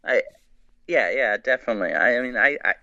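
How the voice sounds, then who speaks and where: A man guesting on a podcast, chatting excitedly and rambling with many restarts. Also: medium pitch, a little fast, gravelly, no echo, dull audio. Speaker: guest, horror writer. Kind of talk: casual podcast chat.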